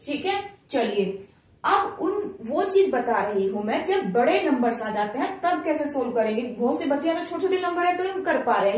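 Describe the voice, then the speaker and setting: A woman's voice: sits high, recorded from a distance. A woman teaching a maths lesson, explaining each step and asking her students questions as she works. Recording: very echoey room, voice from off-mic.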